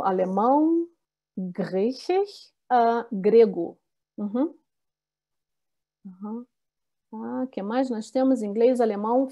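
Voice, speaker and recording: A woman teaching a beginners' class online, speaking slowly and clearly, repeating words and reading out the answers her learners give. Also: fairly high pitch, mellow. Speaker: Portuguese teacher.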